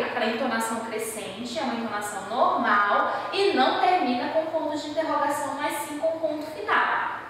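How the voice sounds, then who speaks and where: A woman's voice: high voice, a bit bright, very echoey, in a large hall, distant mic, a little hiss or hum, low-quality recording. A woman with a Brazilian Portuguese accent teaching a grammar lesson to young students, explaining step by step and checking in with "né?" as she goes. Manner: explains step by step with frequent "né?" and "observe". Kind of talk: recorded grammar lesson for sixth graders.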